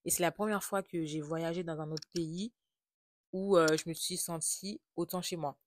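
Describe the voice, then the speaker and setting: A woman's voice: on the low side, steady tone, moderate pace, a little hiss or hum. A woman from Haiti with a French accent, telling a personal travel story in a confiding, reflective way. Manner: confiding, reflective, softly spoken. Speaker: vlogger.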